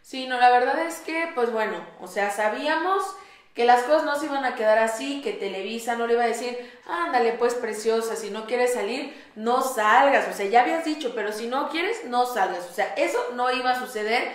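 A woman's voice: a little high, a little fast. A young Mexican woman co-hosting a gossip show, chatting casually with lots of fillers in a small studio. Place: small studio on a pink sofa. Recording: roomy echo.

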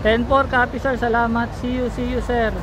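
A man's voice: very high-pitched, little pitch movement, normal speed. A Filipino man chatting casually into a walkie-talkie as he makes a radio check, friendly and full of radio jargon. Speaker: host making a radio range test. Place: outdoors in South Korea, near trees. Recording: noisy outdoor recording with traffic ambience.

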